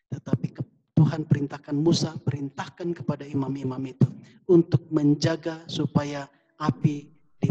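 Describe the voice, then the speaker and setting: Fervent male pastor preaching over a dull line. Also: warm tone. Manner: fervent preaching, rising to high pleas. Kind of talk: sermon. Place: church service streamed on a video call.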